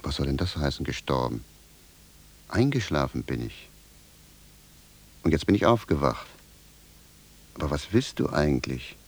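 An actor playing a blunt, bewildered peasant shoemaker in a 1970s radio drama, gruff and indignant. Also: male voice, rumbling low, big pitch swings, measured pace, pauses often, full character voice. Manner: gruff, plain-spoken, indignant.

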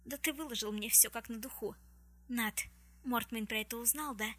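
Defiant young captive woman, played by the reader, bright and biting. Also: fairly high pitch, normal speed. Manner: defiant, hissing.

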